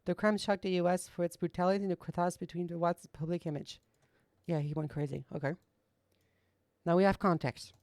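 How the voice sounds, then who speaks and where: A woman's voice: lowish voice, steady tone, a little fast, darkish tone, no echo. A woman giving casual, off-the-cuff reaction commentary, skeptical and often repeating her points. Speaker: reaction video host.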